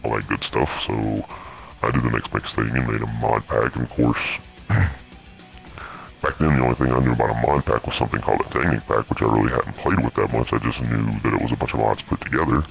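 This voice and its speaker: A man's voice: rumbling low, fairly quick, vocal fry, faint music behind. A man talking through a voice changer as an interview guest, hesitant, with many restarts and fillers. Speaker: interview guest, modpack creator. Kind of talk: casual interview.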